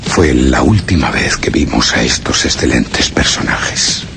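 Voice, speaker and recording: A very deep, gravelly male voice plays a grave expedition survivor recounting a dreadful journey, in full character with lively intonation. His delivery is measured, formal and ominous, with a solemn, grave mood, as narration for a literary horror radio drama. The recording is very noisy.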